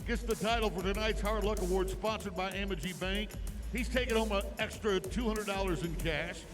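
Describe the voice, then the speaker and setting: A male rodeo announcer presents awards in a booming prize-announcer manner. His voice sits high, and music plays clearly behind him as he reads out winners and sponsors. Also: brisk. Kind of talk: live announcing over a loudspeaker with sponsor reads.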